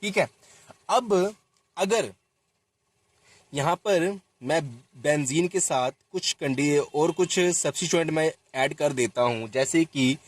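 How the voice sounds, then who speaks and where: Young guy teaching chem, talks to students, fixes himself mid-word, voice a bit high. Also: slow pace, no room sound. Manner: addresses students directly, repeats and self-corrects while writing. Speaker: chemistry teacher. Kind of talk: chalk-talk lesson explaining a reaction.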